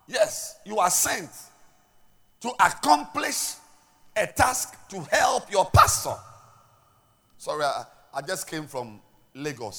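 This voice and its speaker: A pastor with a Ghanaian accent delivers a sermon, his voice on the high side. He swings from loud declarations to quiet asides and repeats words whenever he restarts.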